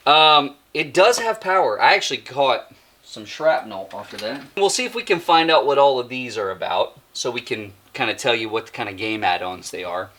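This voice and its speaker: A man's voice: medium pitch, lively intonation, normal speed, a bit bright, slight background noise. A man hosting his own channel, giving a casual hands-on toy review in a rambling, self-mocking, chatty way.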